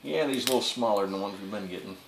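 Lowish and gravelly, this Southern man races through his relaxed, folksy vlog narration while grilling in the backyard, later moving inside his home. He's amused at himself as he cooks for his channel. Background noise includes insects and crickets.

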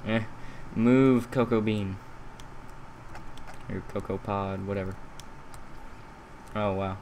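A young man with a lisp doing casual, rambling gameplay commentary, halting and often repeating himself. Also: low voice, little pitch movement, noisy background. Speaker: gaming video host.

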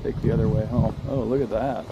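Casual man vlogging amid loud noise. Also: lowish voice, steady tone, a little fast, highs cut off. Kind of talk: casual chat while sightseeing. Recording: noisy handheld outdoor vlog.

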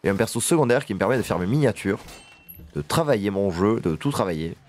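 A man giving casual gameplay commentary, excitable and swearing, chatting to his horse as he plays. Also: on the low side, quick pace. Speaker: gaming video creator.

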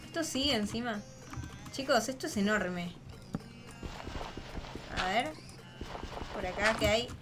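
A woman's voice: a little high, animated, slow, long pauses. A young woman with a Rioplatense Spanish accent doing casual, dramatic gameplay commentary, laughing and shrieking often. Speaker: gaming channel host. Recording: faint game music behind.

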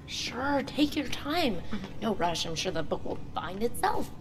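A woman's voice: fairly high pitch, sing-song, unhurried. An actress playing an impatient, sarcastic, pushy teenage girl in a video game.

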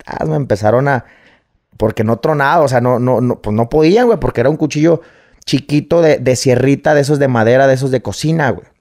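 A man's voice: mid-range voice, fast, darkish tone. A man with a Mexican accent, a guest telling a personal story casually, swearing freely and peppering every phrase with slang.

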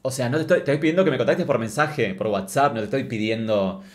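A man's voice: medium pitch, expressive, fast. A man with an Argentine accent telling a comic story as a streamer, ranting in a crude, sarcastic way. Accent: Argentine Spanish.

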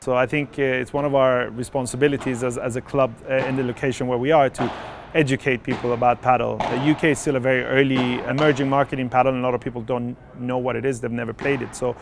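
Gravelly Swedish-born man in interview. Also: mid-range voice, flat delivery, fast talker, a little hiss or hum. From Sweden. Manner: conversational, frequent fillers and restarts. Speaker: padel club founder. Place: indoor padel club hall.

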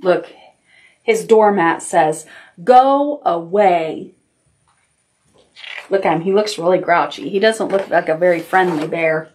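A middle-aged woman hosts a preschool storytime at the library, reading aloud and giving instructions in simple, encouraging phrases she repeats for the young children. Her voice is fairly low and darkish, slow with long pauses, and sounds distant from the mic in an echoey indoor room decorated with stuffed toys.

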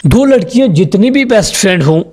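Male joke reader, fairly high voice, bouncy delivery, chuckles. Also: expressive, brisk, darkish tone. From Pakistan. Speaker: joke teller. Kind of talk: reading jokes aloud.

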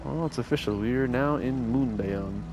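A young man commentating as he plays a horror game, swearing often, talking to the game's characters and getting excitable when things go wrong. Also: mid-range voice, moderate pace. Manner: profane, excitable, talks to the game. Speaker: gaming channel host.

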